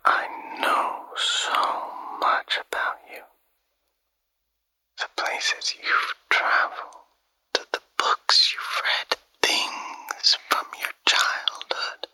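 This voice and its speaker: An actress playing a secretive woman who whispers urgent warnings to someone held captive, in a hushed, careful voice. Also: very slow, exaggerated voice, rough recording.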